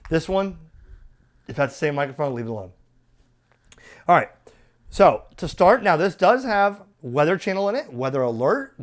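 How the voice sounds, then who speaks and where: In a fairly high voice, a man gives a casual, off-the-cuff, hands-on product demo. He's conversational and opinionated, often tossing in rhetorical questions.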